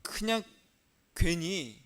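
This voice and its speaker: A man's voice: high-pitched, big pitch swings, drawn-out words, a bit bright. A male pastor giving a sermon in a conversational way, asking rhetorical questions and acting out inner thoughts.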